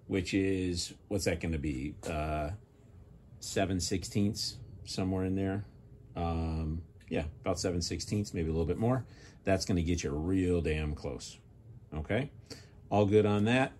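Middle-aged man, deep low voice, casual workshop talk, thinks aloud while working, faint garage hum. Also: measured pace, a little mellow. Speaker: hobby car restorer.

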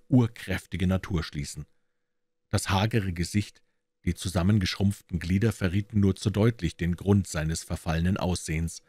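A man narrating a classic detective novel as an audiobook reader, in measured storytelling with lively emphasis. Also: deep voice, no room sound. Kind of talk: scripted narration.

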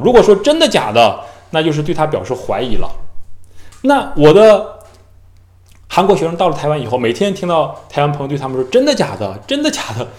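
A man who teaches Chinese, talking casually and mimicking how his students pronounce words. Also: medium pitch. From mainland China. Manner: lively, imitates students' careful tones and slow syllables. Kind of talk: casual talk to camera. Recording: echoey room.

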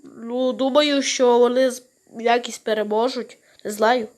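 High-pitched woman, reaction commentary, hesitant, lots of fillers, speaks to viewers. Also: fairly even intonation, unhurried, a little mellow. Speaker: video reactor.

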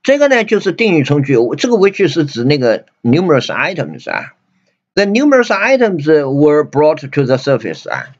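A man with a Chinese accent teaching an English grammar lesson, repeating himself and reading English lines slowly. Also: fairly high pitch, huge pitch swings. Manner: repetitive, many fillers and restarts, reads English slowly. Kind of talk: grammar lesson explaining sentences. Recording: dull lo-fi recording.

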